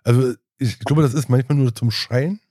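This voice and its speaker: A man's voice: mid-range voice, steady tone, moderate pace, dark tone, dry recording, studio quality. A middle-aged man in casual podcast banter, teasing and making crude jokes. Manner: teasing, crude jokes, asks "weißt du?" often. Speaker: podcast co-host, father.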